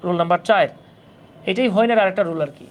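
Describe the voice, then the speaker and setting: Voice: mid-range voice, quick pace, lo-fi sound. A grammar teacher giving a live online class for job exam prep, patiently repeating points and checking that students follow. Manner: patient, repetitive, keeps checking understanding.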